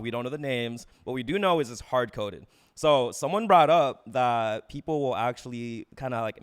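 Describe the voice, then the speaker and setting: A man talking through a livestream headset mic, co-hosting a casual chat and rattling off eager explanations full of "like". His voice sits at an ordinary middle pitch for a man. The sound is close and direct, as from a mic near his mouth. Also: fairly bright tone.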